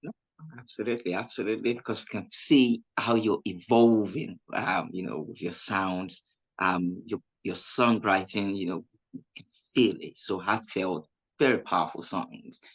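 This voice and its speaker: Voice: low voice, normal speed, breathy edge. Encouraging radio interviewer. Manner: encouraging, fills with "you know". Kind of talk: interview questions.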